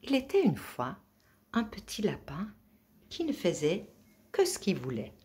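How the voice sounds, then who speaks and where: Expressive woman reading a picture book. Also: mid-range voice, a little slow. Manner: expressive, playful storytelling with voiced parts. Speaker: library storyteller. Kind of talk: children's picture-book read-aloud.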